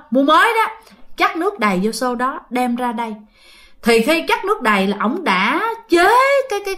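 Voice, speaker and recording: A woman with a Southern Vietnamese accent tells a ghost story as if chatting with friends. Her voice sits a little high, and she keeps turning to address her listeners. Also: fairly bright tone. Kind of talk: casual ghost story telling.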